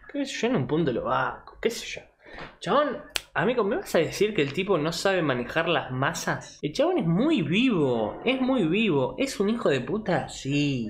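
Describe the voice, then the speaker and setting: A young man with a Rioplatense accent runs a loose streaming rant into a desk microphone. He talks slangy and foul-mouthed and flares up into excited bursts. A faint noise sits under his voice. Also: fairly high pitch. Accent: Rioplatense Spanish. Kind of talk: casual commentary rant.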